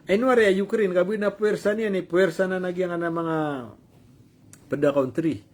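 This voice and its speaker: A man giving informal news commentary, talking loosely with fillers and self-corrections, and reading English quotes slowly. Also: sits high, steady tone, darkish tone.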